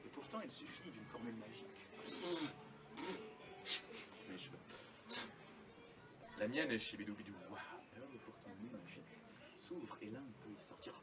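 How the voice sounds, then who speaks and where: A man's voice: fairly low pitch, moderate pace, pauses often, loud music behind the voice. A man performing as a children's party magician, playful and theatrical, coaxing young spectators with questions and instructions. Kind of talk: live magic show for children. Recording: distant live recording, children's audience audible. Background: audience of children.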